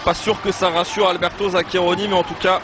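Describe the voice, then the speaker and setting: A man giving live football match commentary, with excited exclamations when play heats up. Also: high voice, brisk. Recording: noisy live match broadcast.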